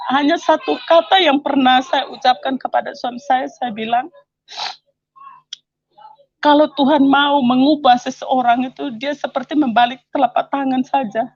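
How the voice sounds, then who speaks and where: A woman's voice: high-pitched, darkish tone, no echo, highs cut off. A middle-aged woman telling her personal faith testimony in an earnest, emotional way, her voice rising and at times tearful. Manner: earnest, emotional, voice rising when praising God. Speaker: testimony speaker.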